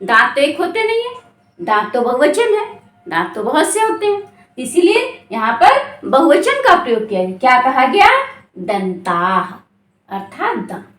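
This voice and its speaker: A woman with a very high, animated voice leads an exam-prep grammar lesson at an unhurried pace. She keeps asking questions and answering them herself, and stretches syllables to make sounds clear. Her voice rings in an echoey room. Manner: slow, drawn-out syllables when stressing sounds. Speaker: Sanskrit grammar teacher.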